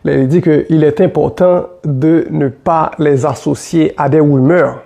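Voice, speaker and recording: A man with a Haitian accent, giving solo football commentary in an animated way, repeating his points with many fillers. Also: on the high side, a little slow, gravelly.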